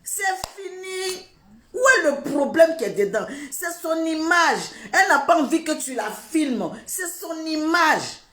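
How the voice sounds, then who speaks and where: Animated woman ranting on a livestream. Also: very high voice, unhurried, roomy sound. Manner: animated, indignant, repeating rhetorical questions with laughs. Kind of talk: livestream commentary.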